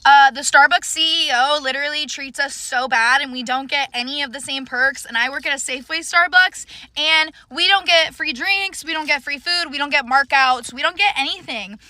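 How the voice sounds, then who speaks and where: A woman's voice: high-pitched, normal speed, pushed and bright, dry recording. A woman barista defiantly ranting direct to camera at her viewers. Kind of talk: casual direct-to-camera rant.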